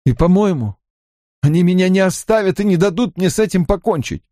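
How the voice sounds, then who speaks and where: A man's voice: sits high, animated, a little fast, dark tone, no echo, voice pushed up. A troubled, hot-tempered young man, voiced by a male narrator, his speech rising and falling a lot. The recording is close and dry.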